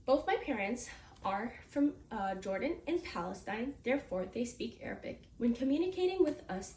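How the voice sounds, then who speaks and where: Reading her class speech aloud, this American teenager sounds earnest, occasionally slipping and starting over. Her pitch leans high with a darkish tone, and the recording comes from a far-off mic in an echoey room with faint background noise.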